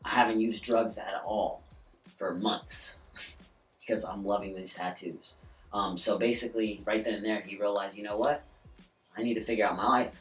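A man co-hosting a podcast tells a story in a loose, rambling way, full of ums, restarts, and "basically." His low-ish voice keeps a fairly even intonation at a moderate pace. He's some distance from the mic in a roomy, echoey space, with soft music in the background.

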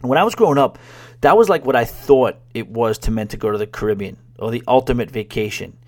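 Talking fast in a darkish, mid-range voice, this solo podcast host chats about cruises. He's relaxed, sarcastic and dry, frequently starting his lines over.

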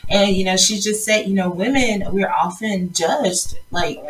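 A woman's voice: medium pitch, a little slow, recorded from a distance, poor audio. A woman from South Georgia hosting a casual interview, chatty and laughing often as she tells stories. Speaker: podcast host.

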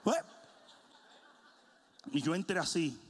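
A middle-aged man preaching a sermon in a large church, telling funny stories and then shouting as he builds. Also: a little high, expressive, moderate pace, vocal fry, husky. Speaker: pastor. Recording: long hall reverb.

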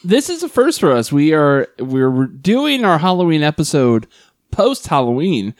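Male podcast co-host, casual and rambling, very animated pitch, dry close sound. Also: unhurried, dry recording. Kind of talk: casual chat.

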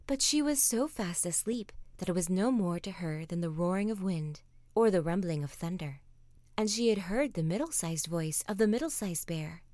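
A woman reading a fairy tale as a soft bedtime story, often slipping into a whisper. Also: medium pitch, no echo.

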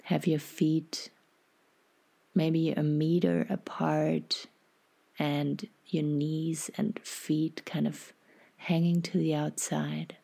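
A woman guiding a meditation in a soft, breathy half-whisper, calm and unhurried, giving soothing instructions. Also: low voice. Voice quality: soft, husky, breathy, often slipping into whisper. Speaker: podcast host and meditation guide.

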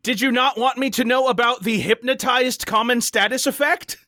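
A man's voice: very high voice, fairly even intonation, moderate pace, sharp tone, no room sound, clean studio sound. A man co-hosting a comedy podcast in casual banter. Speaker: podcast co-host.

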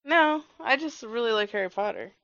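A creaky woman's voice in casual movie chat, blunt and teasing. The sound is dry and slightly dull, with medium pitch. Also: expressive, moderate pace, a bit bright, dry recording. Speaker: movie reaction commentator. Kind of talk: casual film-watching chat.

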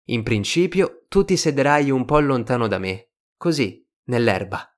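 A man voicing a patient, slightly melancholy fox in an audiobook reading, calm and reflective. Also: mid-range voice, moderate pace, pitched above the performer's own voice, natural voice. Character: wise, gentle fox, patient and a little melancholy.

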